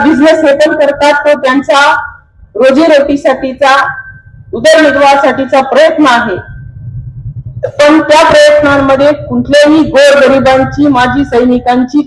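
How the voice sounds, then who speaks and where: Woman politician, rally speech; emphatic and repetitive, with rhetorical pauses; high voice; roomy, echoing sound.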